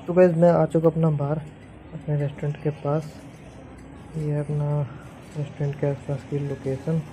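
A man's voice: a little high, level tone, moderate pace, mellow, a little hiss or hum. A young man with a Haryanvi accent, chatting casually to his viewers as he films himself on his phone. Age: young adult. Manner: informal, chatty, addresses viewers as guys. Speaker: vlogger. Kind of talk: casual vlog narration to camera. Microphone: phone selfie camera at arm's length.

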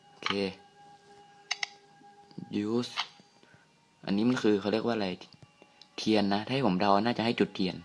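A young man giving casual let's-play commentary on a horror game, hushed and jumpy, with startled outbursts and swearing. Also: on the low side. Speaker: gamer playing a horror game.

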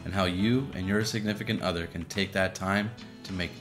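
Deep-voiced man, easygoing podcast co-host. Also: fairly quick, over music. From Boston, Massachusetts. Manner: relaxed, with frequent fillers. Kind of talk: casual chat.

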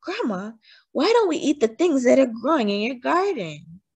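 An eager young girl full of ideas in a storybook, as a woman reader puts her on. Her voice sits high and leaps about with excitement. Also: normal speed, slightly rough, no room sound, full character voice.

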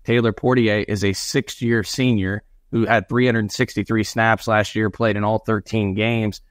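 A man's voice: fairly low pitch, dry recording, studio quality. A man co-hosting a sports podcast, listing football stats in casual analysis. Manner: reels off stats in a steady run.

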